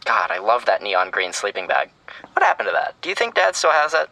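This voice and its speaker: An actor playing a sentimental, teasing young American younger brother in a naturalistic audio drama. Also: male voice, lowish voice, big pitch swings, fairly quick, pushed and bright, exaggerated voice, rough recording. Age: young adult. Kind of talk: scripted audio drama, phone conversation.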